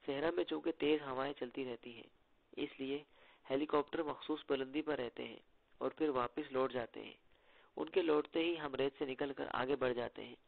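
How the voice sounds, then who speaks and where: A cautious, serious guide, as a male storybook reader voices him, matter-of-fact in every word. The voice has a gravelly fry. The audio is thin and phone-like. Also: medium pitch, steady tone, moderate pace, no room sound.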